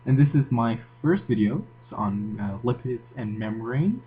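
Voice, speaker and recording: A man's voice: mid-range voice, lively intonation, unhurried, soft background music. A man with a Moroccan accent giving an informal, explanatory science lecture as a tutor in an educational video. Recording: tinny phone-like audio, audible hum and hiss.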